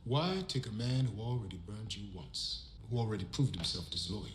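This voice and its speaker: An actor playing a stern male police commander who speaks in a measured, authoritative way in a crime TV drama. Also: on the low side, lively intonation, noisy background, lightly acted. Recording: roomy TV clip.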